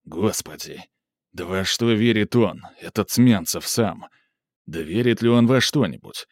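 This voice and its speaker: A man reading aloud and voicing a brooding, quick-tempered young man, low and intense. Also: animated, no room sound, clean studio sound.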